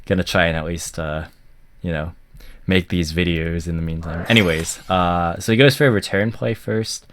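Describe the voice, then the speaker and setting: A man's voice: low voice, moderate pace, fairly bright tone, slight background noise. Stuffy-voiced man rambling over gameplay. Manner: rambling, full of ums and likes. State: stuffy, recovering from a cough. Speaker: card game commentator. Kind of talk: casual gameplay commentary.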